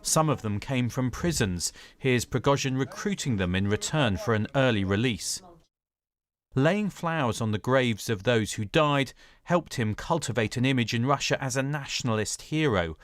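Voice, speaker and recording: A male correspondent voices a scripted news package. His pitch is average for a man, and the delivery is that of broadcast report narration. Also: lively intonation, normal speed. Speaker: security correspondent.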